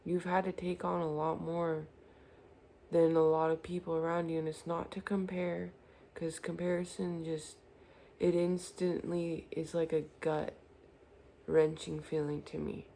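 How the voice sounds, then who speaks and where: A woman's voice: fairly low pitch, little pitch movement, unhurried, creaky, warm tone, slight background noise. A woman giving an earnest, reassuring spiritual tarot reading, speaking directly to the viewer. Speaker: tarot reader.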